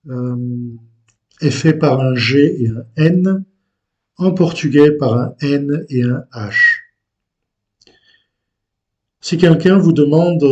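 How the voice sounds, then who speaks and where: Slow, hesitant man teaching language. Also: fairly high pitch, darkish tone, highs cut off. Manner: slow and deliberate, with frequent hesitations. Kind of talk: unscripted language lesson.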